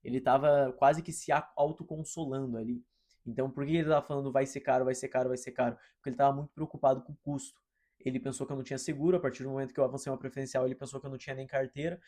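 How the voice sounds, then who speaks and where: A young man with a Brazilian Portuguese accent tells a personal story in a slangy, animated way, calling his listeners brother and mate as he hosts his own channel. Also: mid-range voice, racing. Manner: slangy, animated, addresses listeners as "irmão" and "mano". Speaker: host. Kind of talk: casual storytelling monologue.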